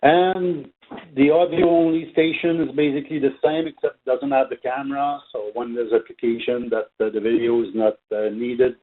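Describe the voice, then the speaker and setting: A male presenter with a mid-range voice and fairly even intonation delivers an off-the-cuff webinar on a product for his company. He stumbles along hesitantly with very frequent filled pauses, heard through a narrow, tinny phone-like line.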